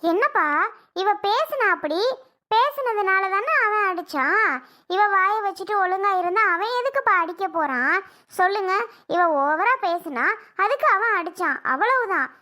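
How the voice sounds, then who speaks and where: A woman's voice: very high-pitched, animated, moderate pace, bright, forceful tone, exaggerated voice. A woman playing a stubborn middle-aged mother who scolds her grown daughter and argues with the family in a drama skit. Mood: indignant. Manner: scolding, argumentative.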